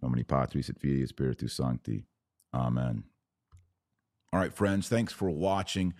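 With a very deep, darkish voice and lively intonation at normal speed, a male podcast host delivers live religious commentary straight to his viewers. He preaches earnestly and emphatically, exhorting and praying, in a dry, clean studio recording.

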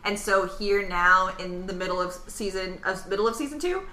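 Bright-voiced woman thinking aloud. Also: mid-range voice, expressive, normal speed. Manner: thoughtful, with frequent "um"s. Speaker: podcast co-host. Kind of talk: casual chat. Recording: roomy echo.

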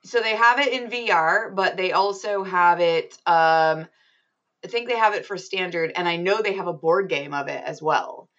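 A woman's voice: lowish voice, normal speed, a bit bright, dull audio. A woman hosting a casual gaming podcast, chatty and upbeat with frequent ums. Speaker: podcast host.

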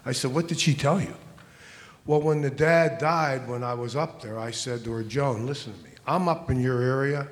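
A man's voice: medium pitch, moderate pace. Older man telling a story in a reverberant hall. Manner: earnest, restarts and repeats words, acts out dialogue. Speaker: financial advisor on a conference panel. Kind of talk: anecdotal storytelling on a panel. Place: conference hall.

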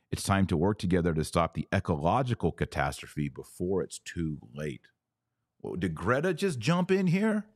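A low-pitched man hosts a religious commentary podcast, reading text aloud and remarking on it in an emphatic, questioning way. The studio-quality recording has no echo.

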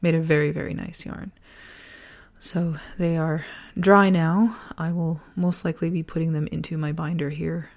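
Speaking low and steady with a slightly mellow quality, this podcast host talks earnestly and deliberately despite a sore throat virus stealing part of her voice. Her personal show moves between reflective essay and casual chat.

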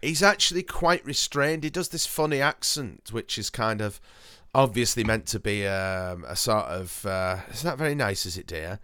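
Bright-toned man rambling on a podcast. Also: lowish voice, lively intonation, moderate pace, smooth, no echo, clean studio sound. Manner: rambling, hesitant, lots of ums, sweary asides. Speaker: podcast host. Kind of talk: casual chat.

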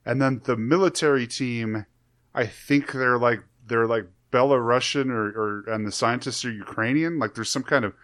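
Male co-host, bright and forceful tone, rambly, full of "like". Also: mid-range voice, normal speed. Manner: rambling, with many "like" fillers and restarts. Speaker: podcast co-host. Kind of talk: casual review chat.

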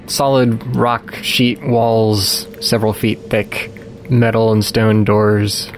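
Creaky-voiced male game master. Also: lowish voice, a little hiss or hum. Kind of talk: narrating a tabletop game.

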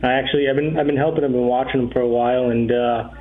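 A man's voice: mid-range voice, steady tone, fast. A man on a call-in line, heard over the phone with a thin, tinny sound. He speaks in a mid-range voice, loose and rambling, and often restarts his sentences as he chats with the host. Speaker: caller to a radio talk show. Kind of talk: casual call-in chat.

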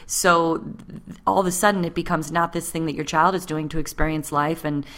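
Speaking a little fast in a level tone, a woman in her late thirties chats casually as a podcast co-host, filling her talk with fillers. Her low voice has a slightly bright quality.

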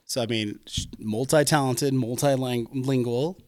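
A man's voice: medium pitch, fairly even intonation, measured pace, a little mellow. A man chatting casually in a rambling, explanatory way. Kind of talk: casual chat.

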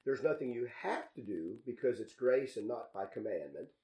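A man's voice: mid-range voice, lively intonation, moderate pace, mellow, roomy sound, rough recording. Emphatic man hosting a radio talk show. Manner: emphatic, argumentative, repeats key phrases.

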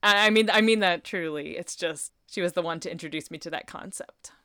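Lively bright-voiced woman in casual chat. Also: lowish voice, brisk, clear, resonant tone, no room sound, studio quality. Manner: animated, shouts quoted lines, self-deprecating jokes.

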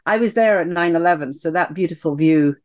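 A woman's voice: fairly low pitch, brisk. A woman with a Scottish accent, an executive coach and guest, telling her story in an upbeat, enthusiastic way. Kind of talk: conversational interview.

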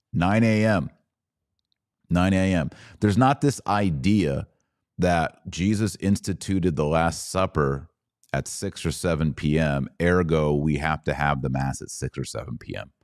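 A podcast host gives an informal, conversational explanation of church liturgy, speaking emphatically and repeating key phrases. His voice is low, darkish and a little slow. The studio-quality recording has no room sound.

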